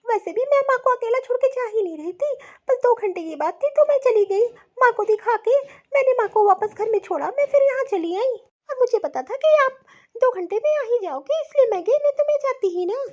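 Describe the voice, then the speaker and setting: Woman doing a sweet eager young cartoon daughter-in-law, super high bouncy voice. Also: animated, a little fast, a little mellow. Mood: earnest. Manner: earnest, eager to please. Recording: dull lo-fi audio.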